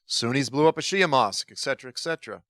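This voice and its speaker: A man's voice: mid-range voice, animated, quick pace, fairly bright tone, no room sound, clean studio sound. A man giving a conversational Bible teaching talk to a congregation, informal and joking, with frequent restarts and asides.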